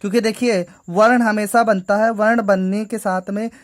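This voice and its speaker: A woman's voice: medium pitch, fairly even intonation, normal speed. A woman teaching a grammar lesson to school students, patiently going through each step and repeating "ठीक है".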